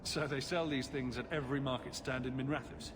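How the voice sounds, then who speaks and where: An actor playing a confident, wry champion in a video game, direct and a little flippant. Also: male voice, mid-range voice, fairly even intonation, a little fast, close to an everyday voice. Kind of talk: video game cutscene dialogue. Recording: clear background noise.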